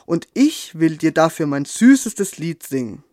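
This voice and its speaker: A man voicing a small, devoted female nightingale in a storybook tale, speaking high and slow as she pleads. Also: sing-song, a little mellow, no echo, clean studio sound. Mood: pleading.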